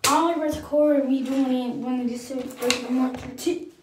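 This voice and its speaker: A woman's voice: sits high, steady tone, fairly quick, reverberant, distant mic, noisy background. A young woman, chatting playfully and rambling while doing her hair for her vlog. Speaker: vlogger.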